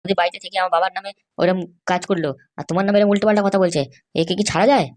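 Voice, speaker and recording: A woman voicing a hot-tempered young husband in a cartoon, threatening and shouting insults. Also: lowish voice, fairly even intonation, very fast, lightly acted. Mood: resentful. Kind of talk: cartoon voice acting.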